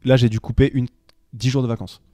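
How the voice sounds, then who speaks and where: A man, chatting as a podcast guest and tumbling through quick sentences full of restarts and fillers. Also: mid-range voice, little pitch movement, mellow, no echo. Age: 30s. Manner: rapid, tumbling speech with many restarts and fillers. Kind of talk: casual chat.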